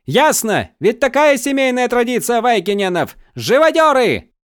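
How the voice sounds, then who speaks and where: A bound young rogue who smells of rum, jeering and hurling insults at the count, as a man puts him on. The voice is pushed very high and loud, cocky and unafraid. The sound is dry and close to the mic. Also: sing-song, moderate pace, clear, resonant tone, no echo. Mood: defiant. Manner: defiant, mocking yelling. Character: young male rogue, drunk, defiant, mocking.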